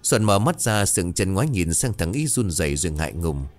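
Deep, lively male horror storyteller, faint music underneath. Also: fairly quick. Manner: dramatic, expressive. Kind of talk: ghost story narration.

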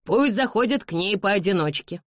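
Nervous servant guy put on by a woman reader, apologetic, lively voice, dry recording. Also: medium pitch, moderate pace, no room sound, pitched above the performer's own voice, natural voice. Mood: reporting. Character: harried male footman, servile and fretful.

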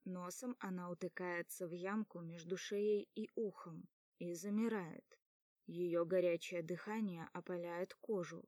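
A woman narrating an audiobook in a steady storytelling manner. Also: on the low side, measured pace, no room sound, clean studio sound.

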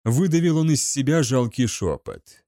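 A man's voice: medium pitch, big pitch swings, normal speed, warm tone, dry recording, studio quality. A man reading an audiobook with dramatic, scripted narration. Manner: dramatic storytelling.

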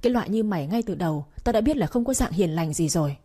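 A woman voicing a spiteful young sister-in-law with a shrill, sour tone who is loud and accusing. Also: lively intonation, fast talker, breathy edge.

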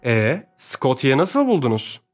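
A man's voice: medium pitch, sing-song, a little slow, faint music behind. A man reading a brash hungry stranger. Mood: brisk. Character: brash, hungry male stranger aboard ship.

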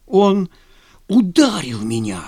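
A man's voice: high voice, huge pitch swings, slow, a little mellow, slightly rough, pitched above the performer's own voice, exaggerated voice. A man reading a story, voicing a hurt young man who mutters in exasperation. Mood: exasperated. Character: hurt sulky young man, jilted brother.

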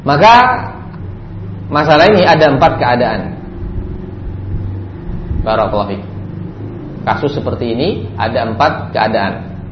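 A man's voice: medium pitch, lively intonation, a little slow, pauses often. A male preacher giving a religious study lecture, who keeps repeating a stock blessing and chants Arabic phrases in a raised voice. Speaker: Islamic preacher. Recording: dull, roomy lecture recording with faint noise.

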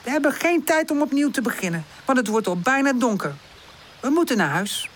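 Woman voicing a sensible dog girl, high, lively, bossy, storybook. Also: fairly quick, a little hiss or hum. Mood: exasperated. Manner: bossy, exasperated. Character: sensible young female dog, leader of friends.

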